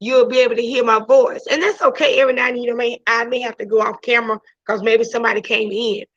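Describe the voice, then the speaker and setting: A fast-talking woman with a slightly high, loud voice and fairly even intonation chats with her online class during a video lesson at home. She restarts frequently and keeps saying "you know." The audio is dull and lo-fi, with no room sound.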